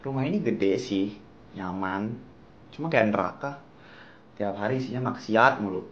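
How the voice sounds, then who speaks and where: A man's voice: lowish voice, normal speed, lo-fi sound, a little hiss or hum, natural voice. A man playing a neglected teenage son who pleads with his parents for love, wounded and bitter. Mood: hurt. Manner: wounded, pleading, turns accusing.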